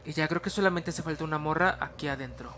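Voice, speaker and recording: A young Mexican man doing let's-play commentary, muttering hushed self-coaching through stealth with sudden loud outbursts. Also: on the high side, quick pace, background noise. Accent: Mexican Spanish. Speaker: gaming streamer.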